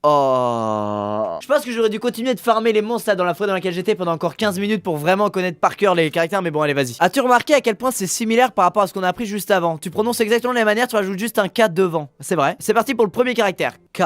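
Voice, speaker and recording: A man hosting a gaming video, giving excitable, crude, joking commentary full of swearing. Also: high voice, fast, no echo.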